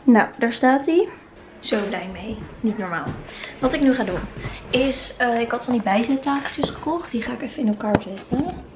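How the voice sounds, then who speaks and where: A woman's voice: on the high side, lively intonation, normal speed, noisy background. Upbeat young woman vlogging her new apartment. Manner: chatty and upbeat, filming herself handheld. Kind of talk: casual vlog narration. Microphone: handheld camera close to the face.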